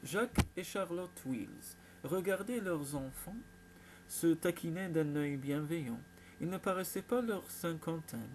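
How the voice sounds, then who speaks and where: Narrateur masculin à la voix claire. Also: male voice, a little high, a little mellow, a little hiss or hum. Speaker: audiobook narrator. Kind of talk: scripted narration.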